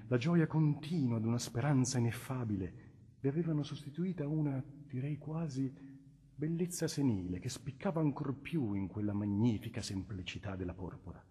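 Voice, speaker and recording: Male audiobook narrator, husky, measured and expressive, long hall reverb. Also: lowish voice. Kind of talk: scripted literary narration.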